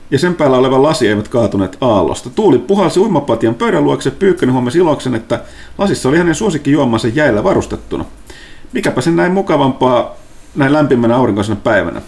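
Lively man narrating as game master. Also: medium pitch, vocal fry.

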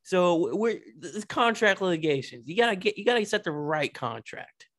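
Lively higher-voiced male podcast co-host. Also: normal speed. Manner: lively, playful, riffs on bits. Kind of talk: casual chat.

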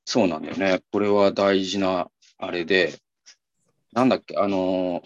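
A man's voice: deep voice, steady tone, normal speed, lo-fi sound. A man hosting a talk, explaining at length in a casual, rambling way with many fillers and restarts. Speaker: talk show co-host.

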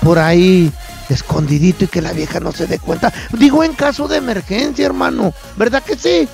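A man's voice: high voice, normal speed, gravelly, a little mellow, soft background music. A man co-hosting with playful, slangy, teasing banter. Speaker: co-host. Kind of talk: joking radio banter.

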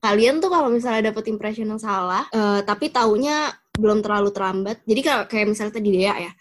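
A woman's voice: medium pitch, a little fast, a little hiss or hum. A young woman hosting a podcast, steering the talk with casual, slangy questions. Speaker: podcast host. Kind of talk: casual chat.

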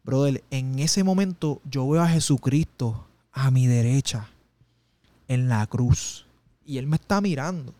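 A man's voice: mid-range voice, a little slow, dark tone, no room sound. A man, an interview guest telling a personal testimony in an intense, emotional way full of street slang.

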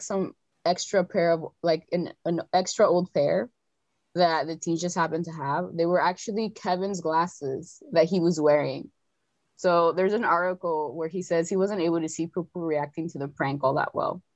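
Young woman host, lowish voice, dry close sound, casual storyteller with asides. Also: normal speed, a little mellow, dry recording, muffled recording. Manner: chatty storyteller with fillers and asides. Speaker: podcast host telling a story. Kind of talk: casual chat.

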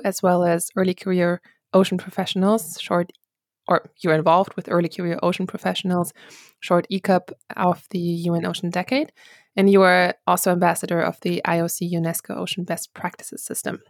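A woman hosting a podcast over a video call, friendly and quick to laugh, with hesitant fillers. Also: lowish voice, dry recording, studio quality. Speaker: podcast host. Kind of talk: casual interview hosting.

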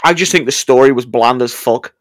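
Man, podcast co-host, animated and profane, dry close-mic sound. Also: mid-range voice, fairly quick, dry recording. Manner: sweary, animated, stammering restarts. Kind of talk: casual chat.

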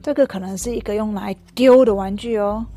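A woman voicing a gentle, clumsy elephant friend, saying each line in English, then Chinese. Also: medium pitch, steady tone, a little fast, close to an everyday voice. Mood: curious.

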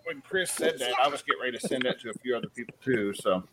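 A man chatting on a live stream, laid-back and halting, with many fillers. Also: mid-range voice, lively intonation, heavy background noise. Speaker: guest channel creator. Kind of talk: casual live stream chat.

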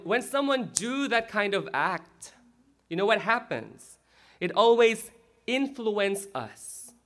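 A male pastor giving a lively sermon in a church and checking in with the crowd as he goes. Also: high-pitched.

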